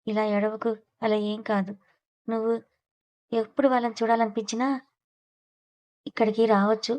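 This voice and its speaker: A woman's voice: a little high, little pitch movement, moderate pace, a little mellow, natural voice. Woman doing a playful protective young husband. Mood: reassuring.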